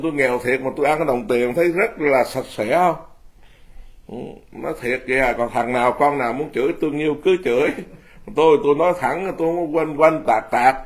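A man in his fifties, a Buddhist monk giving an informal talk, blunt and self-mocking, laughing often as he speaks. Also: a little high.

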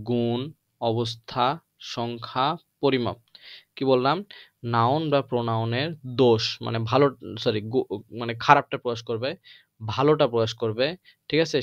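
A male teacher gives a grammar lesson, explaining in Bengali and reading English example sentences slowly. He keeps asking the class questions and answering them himself. The recording sounds dry and a little dull. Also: mid-range voice, dry recording. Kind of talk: lecture to students.

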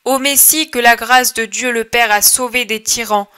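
Jesus, a gentle preacher, speaks solemn and measured words to a grieving crowd, as a woman reader gives his lines. The voice sits fairly high and bright, with a clear, lifted tone. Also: steady tone.

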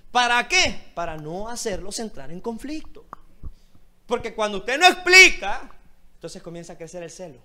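High bright voice, male pastor preaching, talks right at the congregation. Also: big pitch swings, normal speed. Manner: impassioned preaching, repeated direct address to listeners. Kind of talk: sermon.

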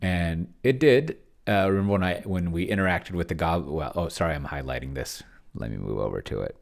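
A middle-aged man with a low, expressive voice and some vocal fry speaks briskly into a large desk microphone held close to his mouth. He's a solo role-playing video host giving a casual, off-the-cuff review, rambling and hesitating as he thinks aloud. The setting is a small home office indoors.

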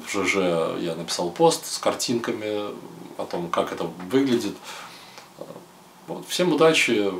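A young man talking casually to camera at home, loose and hesitant with many pauses. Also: lowish voice. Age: young adult. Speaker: vlogger sharing a retreat experience. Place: small indoor room at home. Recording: roomy home room, faint hiss.

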